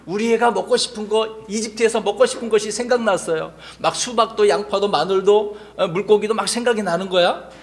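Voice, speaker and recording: A male pastor giving a children's sermon in church, lively and coaxing, talking straight to the kids. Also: sits high, a little fast, few pauses.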